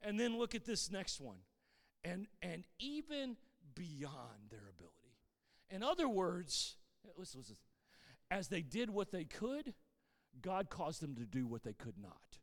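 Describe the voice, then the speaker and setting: Male pastor preaching with fervent energy, high voice, long hall reverb. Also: measured pace. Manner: animated preaching, swings between shouting emphasis and quiet asides. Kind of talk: sermon.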